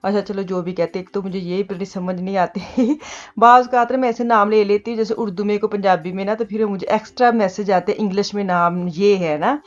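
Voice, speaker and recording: A chatty middle-aged woman with a Punjabi accent talks through her morning at home. Her voice sits in a middle register and comes through a slightly dull, muffled recording. She rambles warmly between topics and slips Punjabi words into her talk. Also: mid-range voice, brisk. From Pakistan. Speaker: vlogger. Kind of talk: casual chat. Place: home kitchen.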